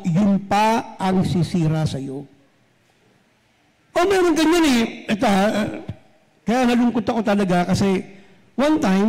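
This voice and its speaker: Addressing his congregation head-on, this pastor moves back and forth between Tagalog and English in his sermon. His voice is high and a little mellow, echoing with the long reverb of a big hall.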